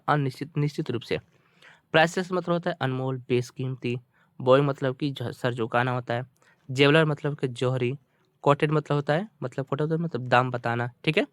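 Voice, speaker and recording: A man of medium pitch and normal speed, with an Indian accent, leads a bilingual storytelling lesson as an English teacher. The sound is clean studio audio with no room sound, and he works phrase by phrase, repeating and asking checking questions as he translates each line.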